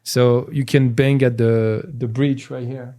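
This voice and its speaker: Speaking slowly in a mid-range voice, a French comedian talks casually as a podcast guest, his French accent clear. He's an animated storyteller who acts out the voices of the people in his anecdotes.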